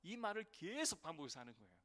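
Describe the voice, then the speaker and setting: Earnest pastor preaching in a reverberant church. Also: male voice, high voice, sing-song, rapid-fire. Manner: earnest, storytelling with emphatic swells and hushed drops. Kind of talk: sermon. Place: church sanctuary.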